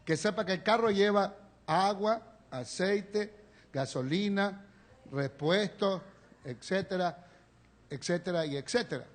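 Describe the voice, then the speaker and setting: A male pastor preaching a sermon, telling a personal story with feeling and swinging between loud pleading and hushed confession. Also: high-pitched, unhurried. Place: church sanctuary, live stream.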